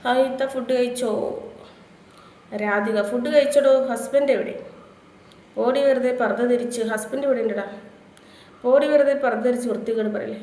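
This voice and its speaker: A woman's voice: on the high side, normal speed, pauses often, a little mellow. A woman from Kerala, chatting casually on a live stream and trading crude insults with viewers. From Kerala, India. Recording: echoey room, faint background noise.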